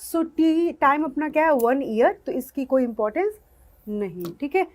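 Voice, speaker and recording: A woman's voice: high-pitched, animated, moderate pace. A woman maths teacher, explaining step by step and putting questions to her students. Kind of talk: online maths lesson.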